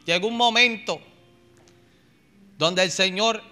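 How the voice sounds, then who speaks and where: A man's voice: high voice, slow pace, sharp tone, soft background music. A man preaching a fervent, emotional testimony in a pleading manner. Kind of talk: sermon testimony.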